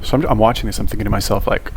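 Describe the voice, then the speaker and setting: A man giving casual, rambling online commentary in a halting, conversational way, with frequent swearing. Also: lowish voice, steady tone, a little hiss or hum, rough recording.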